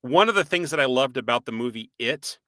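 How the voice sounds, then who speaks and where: A man with a Boston accent co-hosting a live-stream podcast, chatty and animated, reading out viewer comments and quizzing his co-host. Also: mid-range voice, fairly quick, no room sound. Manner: animated, reads out viewer comments, laughs often. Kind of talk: casual live-stream chat.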